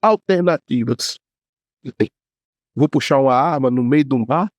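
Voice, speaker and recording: A man who works as a police commissioner, telling a story casually on a podcast in an animated, slangy way. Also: medium pitch, measured pace, no echo, studio quality.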